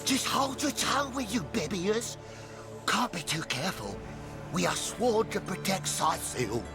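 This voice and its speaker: An actor voicing a dopey, blustering, suspicious legion guard in a fantasy game, with a cartoonish bellow. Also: male voice, high voice, animated, a little slow, gravelly, heavily acted. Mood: stern, suspicious. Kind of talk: fantasy video game voice acting. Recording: loud music under the voice.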